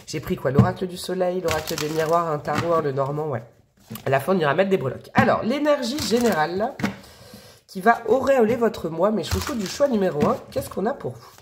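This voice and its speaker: A woman's voice: lowish voice, animated, fairly quick, noisy background. A woman giving a casual tarot reading to camera. She is chatty and affectionate, fills her talk with asides and fillers, and sounds a little sniffly from allergies. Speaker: tarot reader.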